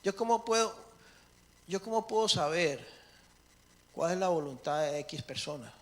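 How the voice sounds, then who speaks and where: A man preaching a sermon with emphatic swings between loud and soft, acting out prayers and little dialogues. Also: on the high side, lively intonation, unhurried.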